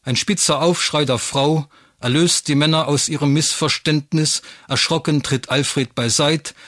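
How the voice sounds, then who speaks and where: A man narrating a written story in a wry, even storytelling manner, recorded close on a studio mic. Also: on the high side, no room sound.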